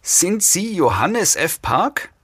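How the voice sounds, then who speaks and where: A man voicing a monotone female kidnapper in an audiobook reading, flat at first and shrill when agitated. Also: slow, slightly rough, no echo, studio quality, heavily acted.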